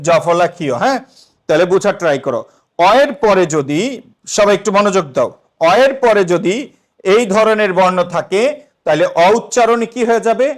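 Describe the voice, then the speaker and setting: A young man teaching an exam-prep lesson, asking the students questions and then answering them himself. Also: sits high.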